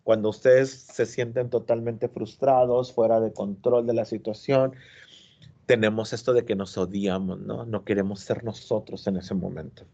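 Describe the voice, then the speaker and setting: A man's voice: fairly low pitch, steady tone, moderate pace, warm tone, highs cut off. Man teaching a literature class. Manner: explanatory, asks the class check questions. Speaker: high school literature teacher. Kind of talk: classroom lecture reading and analyzing a story.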